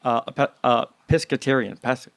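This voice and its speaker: A man's voice: mid-range voice, normal speed, vocal fry, no room sound. A man with a Baltimore accent hosting a podcast, talking in casual, joking banter and teasing his co-host. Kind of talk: casual chat.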